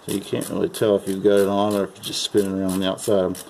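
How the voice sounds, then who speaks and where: Working at an open engine bay, a man narrates his repair job in a casual, folksy how-to style, referring to parts as "her," as an amateur mechanic demonstrating the fix. He talks rapid-fire in a low-pitched, darkish voice with vocal fry and little pitch movement, over slight background noise.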